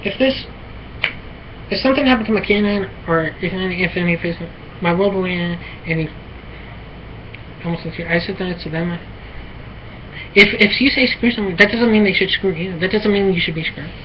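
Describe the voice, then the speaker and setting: An American woman talking alone in a halting, repetitive, rambling way, with many fillers and restarts. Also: lowish voice. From United States. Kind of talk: rambling solo monologue. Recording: muffled lo-fi with faint noise.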